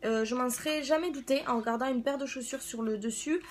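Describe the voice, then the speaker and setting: A woman's voice: high voice, fairly quick, a little hiss or hum. A woman giving a casual product review as a beauty vlogger, chatting in a hesitant way as if thinking aloud.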